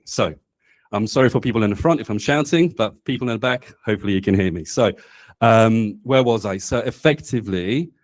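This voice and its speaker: At a community meetup, a man in his forties who is not from Australia presents to an audience in a meeting room through a handheld mic. His voice is deep and somewhat dark, and he keeps things casual and chatty, full of "um"s and frequent "right?" check-ins.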